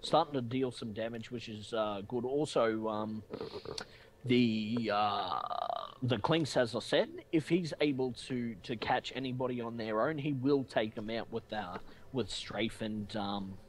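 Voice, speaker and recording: A man providing laid-back color commentary on a video game match, halting and filler-heavy in a chatty tone. His voice sits at a middling pitch, and faint hiss and clicks sit behind it. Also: low-quality recording. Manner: relaxed, halting analysis full of fillers and "man". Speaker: esports co-caster.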